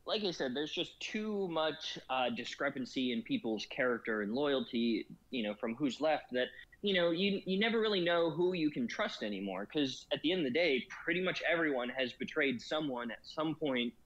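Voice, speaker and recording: A man with a slightly high, expressive voice and a fairly bright tone chats casually at a normal pace as a guest in a gaming discussion. He rambles about a strategy game, using many fillers and laughing often. The recording sounds muffled.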